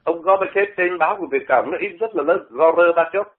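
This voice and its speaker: Heard on a phone-like radio line, an older Vietnamese commentator speaks at a quick pace in a high-sitting voice. His talk is conversational language explanation, with words often repeated to show their pronunciation.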